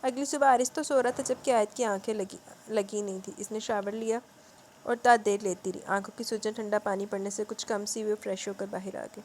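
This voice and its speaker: A woman's voice: mid-range voice, steady tone, a little mellow, a little hiss or hum. A woman reading a romance novel aloud, breaking in with wry, colloquial asides. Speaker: novel reader.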